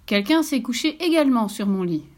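A woman's voice: a little high, animated, brisk, darkish tone, lightly acted. A woman voicing the middle bear of a storybook, exclaiming indignantly.

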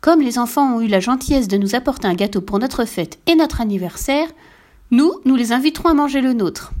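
A woman's voice: a little high, lively intonation, brisk, a little mellow, pitched above the performer's own voice, lightly acted. A woman doing an eager chirpy cat. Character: fussy excitable house cat, male.

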